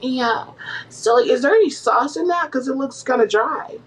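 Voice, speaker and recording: A woman on a casual video chat who talks in a flat, nonchalant way, with lots of fillers. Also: sits high, moderate pace. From California and Louisiana. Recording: muffled lo-fi call with faint noise.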